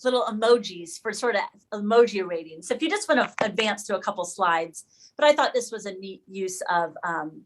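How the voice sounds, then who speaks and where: On an online video call, a woman with a medium-pitched, animated, brisk voice gives an informal presentation to fellow educators. She thinks aloud and often corrects herself as she goes.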